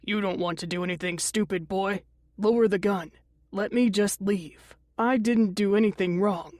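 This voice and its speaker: A woman reading an audiobook voices a sly middle-aged uncle who talks in a smooth, wheedling, wry way. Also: medium pitch, fairly even intonation, moderate pace, a little mellow, no room sound, clean studio sound, natural voice.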